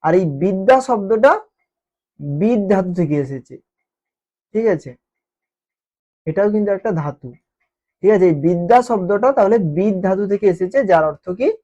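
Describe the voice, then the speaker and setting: Mellow woman teaching. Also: mid-range voice, animated, moderate pace, long pauses. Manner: repeats key terms and keeps asking "ঠিক আছে?". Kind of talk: exam-prep lesson explanation. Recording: dull lo-fi recording.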